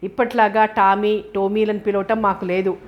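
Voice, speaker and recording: A woman's voice: mid-range voice, level tone, moderate pace, lo-fi sound, natural voice. A woman voicing a fussy, doting old grandmother who coaxes and chides at length. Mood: chiding. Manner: coaxing, chiding, long-winded.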